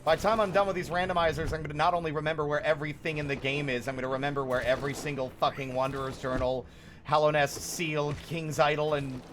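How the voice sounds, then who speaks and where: A man's voice: on the high side, fairly even intonation, fast talker, fairly bright tone, a little hiss or hum. A man giving casual gameplay commentary as a streamer, thinking aloud. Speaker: game streamer.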